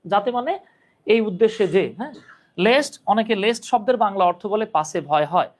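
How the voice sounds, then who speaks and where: Speaking into a phone, a Bangladeshi man teaches English grammar on a live stream in a high, expressive voice at an ordinary pace, addressing his students directly with casual banter and jokes.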